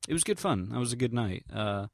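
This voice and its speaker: Here a young English vlogger has a medium-pitched, gravelly voice with lively intonation, talking a little fast. The sound is clean studio quality with no room sound. He recounts events in a casual, rambling audio log, hesitant and informal, self-deprecating, slangy and sweary.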